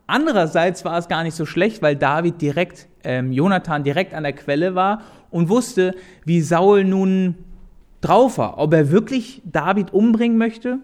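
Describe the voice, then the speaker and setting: Animated high-voiced male Bible storyteller. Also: unhurried. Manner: animated, addressing listeners directly. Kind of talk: lively Bible storytelling to an audience.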